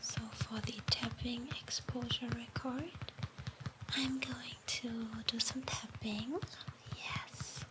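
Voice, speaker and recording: A woman's voice: a little high, little pitch movement, slow pace, low-quality recording. A woman with a German accent doing a whispered role-play as an office clerk, hesitant, playful and reassuring, close on a binaural microphone. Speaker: ASMR performer playing an office clerk.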